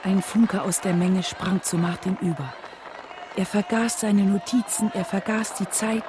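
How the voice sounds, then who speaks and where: An actress playing the earnest wife of a civil rights leader, looking back in measured, solemn radio drama narration. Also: female voice, mid-range voice, flat delivery, crowd noise, background noise, close to an everyday voice.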